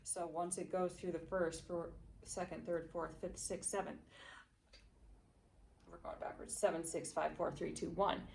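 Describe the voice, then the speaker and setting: A woman giving an intuitive tarot reading to her viewers, gentle and encouraging, often checking in with "okay?" and "all right?". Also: lowish voice, level tone, a little slow, vocal fry. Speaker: tarot reader. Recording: voice a bit far from mic, faint background noise.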